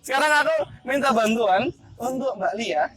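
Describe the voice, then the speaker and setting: A man's voice: very high-pitched, animated, normal speed, fairly bright tone. A young man, performing street magic outdoors in a park and teasing the people he plays with in a chatty, playful way. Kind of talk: casual street performance patter.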